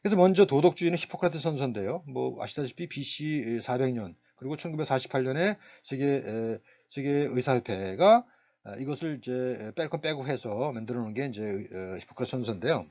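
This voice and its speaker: A man's voice: medium pitch, darkish tone. Guy lecturing to a class, lots of uh and restarts, kinda muffled recording. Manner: halting, many fillers and restarts.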